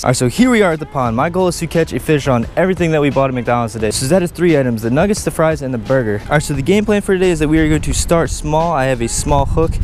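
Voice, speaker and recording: An excitable young man in his twenties talks through a casual fishing vlog beside a pond, keeps throwing in "dude" and "literally", and his voice sits a little high. It was caught outdoors on a body-worn action camera with faint outdoor noise behind it. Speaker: fishing vlogger.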